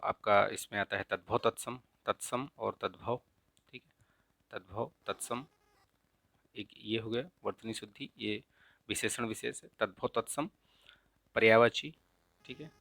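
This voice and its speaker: A man teaching an exam-prep lesson in a casual, explanatory way, often checking in with "ठीक है?" and slowly repeating correct spellings. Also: fairly low pitch, gravelly, fairly bright tone, dry recording. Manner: frequent checks of "ठीक है?" and filler "अ"; repeats the right spellings slowly to stress them. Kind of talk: casual explanatory lesson, walking through a paper.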